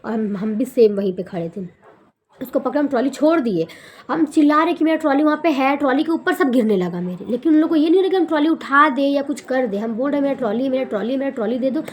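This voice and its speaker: A young woman vlogger telling a long story in a casual, animated way, correcting herself as she goes. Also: a little high, quick pace. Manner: animated, rambling retelling with self-corrections.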